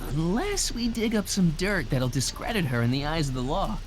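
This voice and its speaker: An actor playing an earnest, quick-thinking young man, the casual and slightly evasive hero of an adventure game. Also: fairly high pitch, very animated, slight background noise, poor audio. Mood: determined. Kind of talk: video game voice acting.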